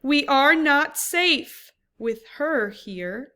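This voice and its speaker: A woman's voice: high voice, animated, drawn-out words, voice pushed up, full character voice. A woman doing an alert vervet monkey lookout. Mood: urgent. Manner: whispers warnings, yells loud alarm calls.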